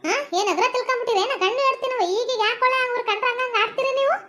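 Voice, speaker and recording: A woman's voice: extremely high pitch, steady tone, rapid-fire, sharp tone, voice pushed up. A woman voicing a bossy older mother-in-law who scolds in a North Karnataka Kannada accent. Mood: scolding.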